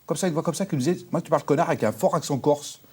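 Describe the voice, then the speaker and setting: An actor playing a brash, crude fairground owner who claims to speak with the dead, talking in loud slang that jumps into high squeals. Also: male voice, racing, slightly rough. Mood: rowdy. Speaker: talk show guest claiming to speak with the dead. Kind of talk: sketch comedy acting.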